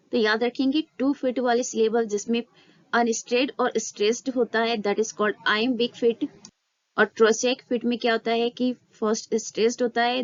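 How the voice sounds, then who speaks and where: A woman teaching a literature lesson for exam students, fairly high-pitched and very unhurried. She poses a question and then answers it herself, dwelling on the English terms. The sound is dry and a little dull. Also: no echo. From India.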